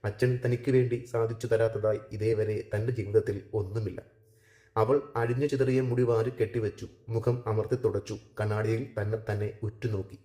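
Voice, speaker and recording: A man narrates a written story at a steady, measured pace. His voice is low and mellow. The recording carries a noticeable room echo. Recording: echoey room.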